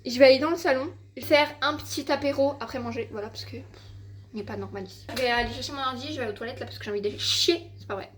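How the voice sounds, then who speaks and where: Speaking very fast in a high voice, a teen girl vlogs from home on a handheld phone. She rambles and swears casually, stuffing her exasperated storytelling with fillers.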